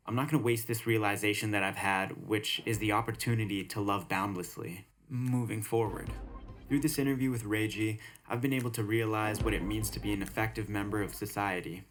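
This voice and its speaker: A man's voice: lowish voice, fairly bright tone. Upbeat young podcast host, man. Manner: sarcastic, then earnest and reflective. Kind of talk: podcast monologue and interview.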